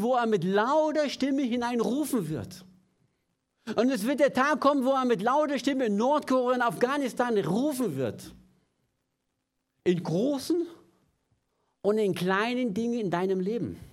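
Preacher guy, high voice, jumps all over, slow and deliberate, retells the bible story with asides. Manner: animated, retelling scripture with asides. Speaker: pastor. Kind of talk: sermon.

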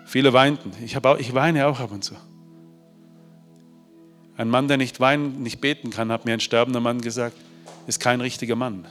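A man telling a moving story to an audience, swinging between loud bursts and hushed, quiet passages. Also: medium pitch, steady tone, moderate pace, pauses often. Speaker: speaker. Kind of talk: motivational storytelling talk. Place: large hall. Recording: hall reverb with faint music.

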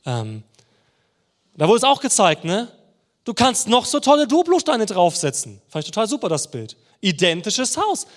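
A man's voice: high voice, huge pitch swings, moderate pace. A man preaching a sermon in a conversational way, putting rhetorical questions to the congregation.

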